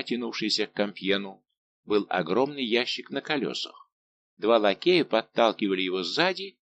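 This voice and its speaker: A man narrating a classic adventure novel as an audiobook, with expressive storytelling. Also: lowish voice.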